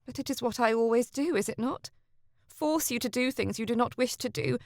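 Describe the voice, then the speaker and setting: A woman voicing a headstrong young noblewoman with sharp, indignant retorts. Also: a little high, fairly quick, dry recording, clean studio sound, voice pushed up, natural voice. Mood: pleading rueful.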